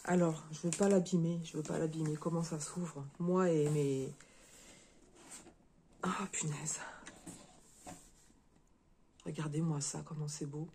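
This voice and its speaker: Lady vlogging, bit hoarse, dark mellow voice, lots of euh and restarts. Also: deep voice, level tone, normal speed, few pauses, slight background noise. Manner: hesitant, many fillers and restarts. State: slightly hoarse. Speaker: crafting video creator. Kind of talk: casual unboxing chat to viewers.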